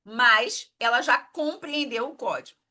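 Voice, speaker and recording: A woman's voice: a little high, unhurried, pushed and bright. A woman teaching an exam-prep lesson, explaining step by step and checking in with her students often.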